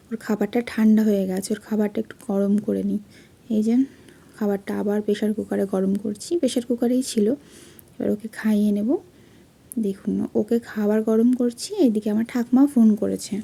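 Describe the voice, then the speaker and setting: A young woman, a vlogger doing a soft late-night voice-over, speaking quietly so she won't wake her sleeping child. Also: mid-range voice, creaky, husky.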